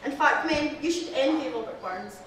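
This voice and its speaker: A woman's voice: sits high, normal speed, fairly bright tone. A nervous Scottish woman who keeps laughing and apologizing as she gives a humorous toast speech. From Scotland. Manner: giggly, laughs often between lines, apologizes a lot. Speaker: speaker giving the reply to the toast to the lassies. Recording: echoey hall recording from far off, faint noise.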